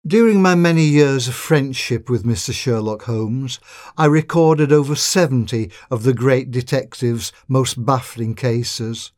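A man reading a classic detective story aloud in a measured, unhurried narration. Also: medium pitch, darkish tone.

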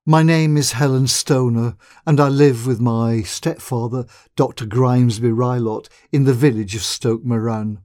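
A man's voice: medium pitch, steady tone, unhurried, few pauses, a little mellow, no echo, studio quality, close to an everyday voice. A man reading a story, voicing a frightened young woman who pleads urgently for help. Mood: distressed. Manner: urgent, trembling pleas.

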